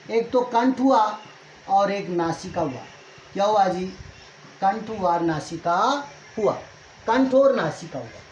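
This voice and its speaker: Male teacher drilling in an echoey room. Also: high voice. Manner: asks questions and answers them himself, drilling by repetition. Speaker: Sanskrit grammar teacher. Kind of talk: classroom lecture at a board. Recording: echoey room with faint noise.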